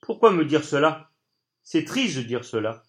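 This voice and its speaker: A man reading an audiobook, voicing a young boy hero who bursts out loudly in anguish. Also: on the high side, big pitch swings, a little slow. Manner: loud, anguished outbursts.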